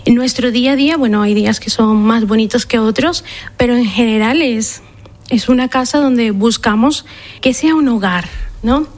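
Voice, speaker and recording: A Colombian woman in her thirties who directs a shelter answers interview questions. Her voice is fairly high with a darkish tone, and she speaks earnestly and in a measured way, often restarting.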